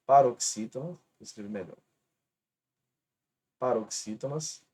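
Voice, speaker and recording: A man's voice: mid-range voice, a little slow, mellow. A man with a Brazilian Portuguese accent teaching an online grammar lesson, patiently spelling out rules step by step. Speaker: exam-prep teacher.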